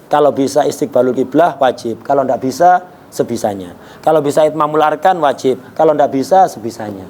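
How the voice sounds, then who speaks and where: A man's voice: medium pitch, lively intonation, a little fast, darkish tone, a little hiss or hum. A man teaching an Islamic jurisprudence lesson in a conversational way, asking rhetorical questions and joking. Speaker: religious teacher.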